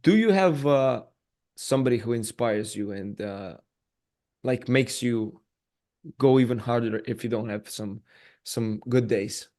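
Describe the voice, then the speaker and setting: A man hosting a casual podcast interview, halting and full of fillers and repeated words. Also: medium pitch, darkish tone.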